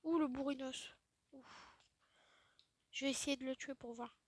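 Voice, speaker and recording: A woman giving casual gaming commentary, chatty and self-mocking, often dropping into quiet muttered asides. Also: high-pitched, steady tone, measured pace, no room sound. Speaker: let's play host.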